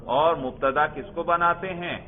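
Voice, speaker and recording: Man teaching grammar over a tinny line. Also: fairly high pitch. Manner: drills students step by step and praises answers. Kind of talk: classroom grammar lesson with questions to students. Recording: tinny phone-like sound.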